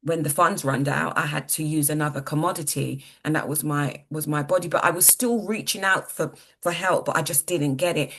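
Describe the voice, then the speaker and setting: A woman in her sixties, telling her story earnestly as an interview guest, halting and repeating words. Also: deep voice, fairly bright tone. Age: 60s. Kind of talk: personal testimony in an interview.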